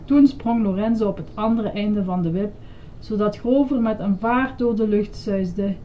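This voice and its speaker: A woman lively and expressive as she reads a children's story aloud. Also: mid-range voice, normal speed, dull audio, a little hiss or hum.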